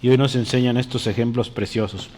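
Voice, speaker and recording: A man's voice: mid-range voice, steady tone, fairly quick, darkish tone. A man preaching an interactive sermon, often checking in with the congregation and calling them brother. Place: church. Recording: reverberant church hall.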